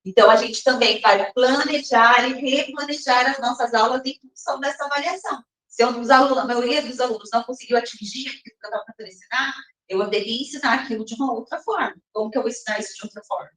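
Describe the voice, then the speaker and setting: A woman teaches a recorded lesson in a slightly high voice, explaining step by step and pausing to check that her listeners follow. She slows to read some passages aloud. Her voice is set back from the mic with a roomy echo around it. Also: a bit bright, far from the mic. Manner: slows down and reads some passages slowly, as if from a text.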